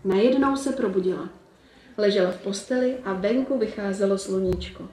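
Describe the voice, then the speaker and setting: Female storyteller reading a fairy tale, measured and calm, echoey and off-mic. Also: medium pitch, slight background noise. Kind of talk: reading a children's story aloud. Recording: roomy, distant, faint ambience.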